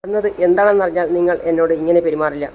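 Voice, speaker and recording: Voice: mid-range voice, fairly even intonation, racing, darkish tone, slight background noise, close to an everyday voice, rough recording. A storyteller voicing a wrongly arrested man begging the police to listen. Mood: pleading. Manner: begging, insistent.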